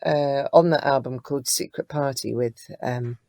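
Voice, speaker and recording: A woman's voice: very deep voice, moderate pace, dry recording. A woman, a singer-songwriter guest, chatting casually in an interview and telling stories with many fillers. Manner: chatty, warm storytelling with frequent fillers.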